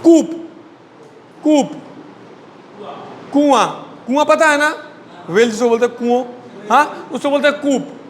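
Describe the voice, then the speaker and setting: A man's voice: very high-pitched, a little slow, long pauses, in a large hall. A man teaching a Hindi class, drilling word pairs, repeating each word and prompting students to answer. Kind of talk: classroom lesson.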